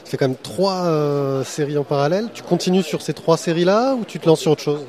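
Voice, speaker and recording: Laid-back guy doing his podcast, warm low voice, chatty with lots of umms. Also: fairly quick. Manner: relaxed, chatty, many fillers. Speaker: podcast host and interviewer. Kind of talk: festival interview and on-location podcast diary.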